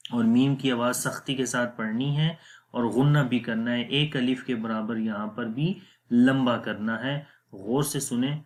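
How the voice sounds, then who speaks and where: A man teaching Quran reading rules, explaining each step patiently and repeating them plainly. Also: medium pitch. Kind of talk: step-by-step tajweed lesson.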